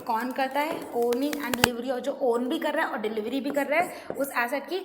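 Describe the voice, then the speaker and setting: High-voiced teacher in an echoey room. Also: female voice, brisk. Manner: explains with questions, mixing Hindi and English. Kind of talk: online class lecture. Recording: echoey room, faint noise.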